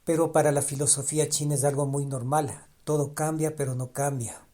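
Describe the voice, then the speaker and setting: Speaking fairly quickly with a flat delivery, this solo podcast host has a warm, higher-pitched male voice. He reflects aloud, frequently starting his phrases over and repeating points for emphasis, and Spanish is his first language.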